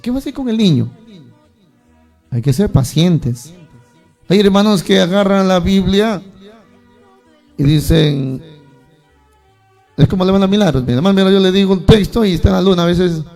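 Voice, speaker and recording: Preacher, male, high gravelly voice, lively storyteller who acts out voices, faint music underneath. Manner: animated storytelling, acting out voices of churchgoers. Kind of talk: sermon.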